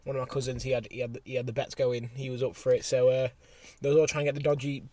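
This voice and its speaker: A man's voice: mid-range voice, flat delivery, quick pace, warm tone, recorded from a distance. British podcast guy in a parking garage. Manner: informal, slangy. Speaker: podcast host. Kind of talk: casual sports podcast chat. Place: car park, recording on location.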